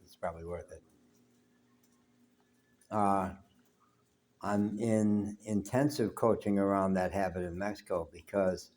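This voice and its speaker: Speaking from his apartment in a reflective, wandering solo talk, an older vlogger from the United States says he has a big voice. His pitch is lowish and his tone dark.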